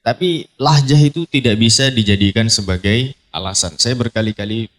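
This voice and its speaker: A man teaching Quran recitation to a class, talking in a relaxed, repetitive way and often clearing his throat. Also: mid-range voice, brisk. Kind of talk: live tajwid lesson to students. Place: study hall at a training event.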